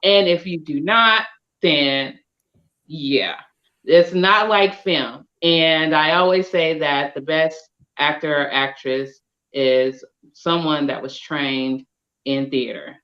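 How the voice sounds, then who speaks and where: A woman's voice: sits low, slow, dull audio. A woman co-hosting a live video podcast, giving her opinions in a casual, emphatic way. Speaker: podcast co-host. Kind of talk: casual chat. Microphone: video call.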